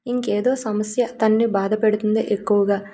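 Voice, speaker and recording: A woman storyteller narrating an audio drama story in a steady, even reading. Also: mid-range voice, moderate pace.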